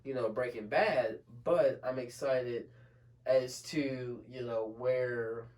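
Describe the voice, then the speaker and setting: A young man co-hosting a podcast, chatting about TV shows in a casual, excitable way, often repeating himself. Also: slow, distant mic. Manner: excitable, repeats himself, swings loud and high. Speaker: podcast co-host. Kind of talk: casual chat.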